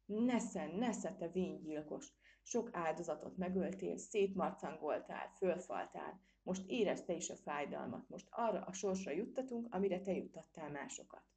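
A woman's voice: on the low side, expressive, warm tone. A woman voicing a bold, clever little male squirrel in a storybook reading, daring and cheeky. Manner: cheeky, daring, quick exclamations. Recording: dull lo-fi recording.

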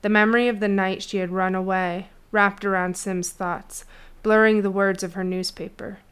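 Woman, audiobook narrator, smooth resonant voice, even storytelling delivery. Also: medium pitch, normal speed. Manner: steady storytelling read. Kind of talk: scripted fiction narration.

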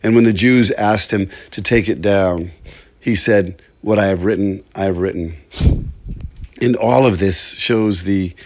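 A man preaching a sermon in an earnest, measured way, slowing down to stress key words. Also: on the low side, darkish tone.

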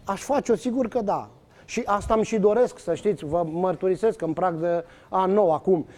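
A man, speaking as an interview guest, telling his story emphatically with many fillers and restarts. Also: high voice. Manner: animated, many fillers and restarts, acts out quoted exchanges.

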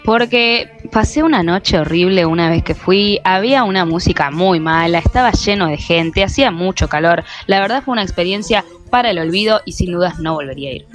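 A woman leaving a brisk voice message for a radio show. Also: on the low side, soft background music. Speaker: radio listener caller.

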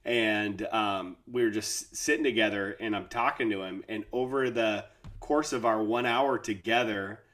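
A man's voice: fairly low pitch, unhurried, fairly bright tone. A man co-hosting a podcast, chatting casually and joking with his co-host over a remote call. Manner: playful, joking, laughs often. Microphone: remote call recording.

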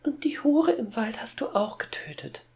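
A man voicing a sinister boy who fakes a little girl's high, mocking voice in a horror fairy-tale audiobook. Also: big pitch swings, normal speed, gravelly, exaggerated voice. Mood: mocking sweet. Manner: sweet, mocking falsetto.

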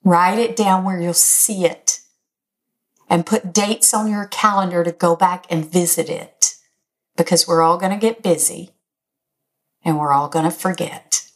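An older woman with a raspy, slightly hoarse voice, speaking as a host in an encouraging, emphatic motivational talk straight to her listeners. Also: fairly low pitch, steady tone, unhurried. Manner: encouraging, direct address, emphatic. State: slightly hoarse, recovering from illness. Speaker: podcast host.

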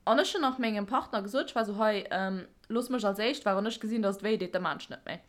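A young woman co-hosting a podcast, chatting casually and telling an animated story with frequent laughter. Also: mid-range voice, brisk. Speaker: podcast co-host. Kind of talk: casual chat.

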